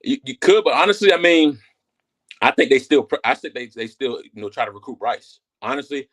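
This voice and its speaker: Fast-talking man in casual sports chat. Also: mid-range voice, a bit bright. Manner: quick, loose talk with many fillers and restarts. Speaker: guest analyst.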